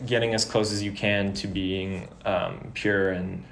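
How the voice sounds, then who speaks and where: A man's voice: sits low, little pitch movement, measured pace, fairly bright tone. A young man from Houston, Texas, a podcast guest who talks in a hesitant way, stopping and restarting. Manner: hesitant, many fillers and restarts. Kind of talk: casual conversation. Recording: echoey room, faint noise.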